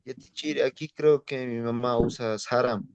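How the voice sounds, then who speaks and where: A man's voice: medium pitch, steady tone, normal speed, a little mellow, clear, resonant tone, no echo, muffled recording. A male student in a class, answering hesitantly and thinking aloud.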